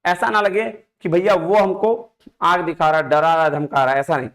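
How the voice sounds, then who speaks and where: A man teaching an exam prep lesson, going through quiz questions, reading English question text slowly and explaining in quick asides while coaxing students to answer. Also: fairly high pitch, fairly even intonation, a bit bright. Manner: coaxing, keeps asking students to tell the answer.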